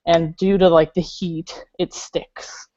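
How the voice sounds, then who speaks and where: A library makerspace staffer chats casually on a video call, laughing often and using lots of fillers. Her voice sits on the low side with a flat, slow, mellow delivery and no room sound, though the call audio is dull and lo-fi.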